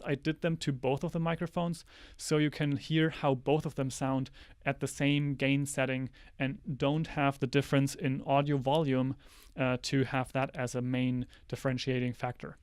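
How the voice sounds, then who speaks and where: Clear-voiced man explaining mics. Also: on the high side, no room sound. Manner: relaxed explanatory, with small restarts. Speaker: tech reviewer. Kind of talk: casual product comparison talk. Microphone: close handheld-style podcast mic.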